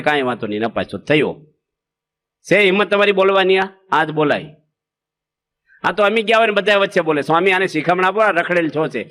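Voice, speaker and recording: High-voiced Gujarati monk preaching with humor. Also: male voice. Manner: lively, asks the audience rhetorical questions, acts out parents and children. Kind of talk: humorous sermon to a congregation.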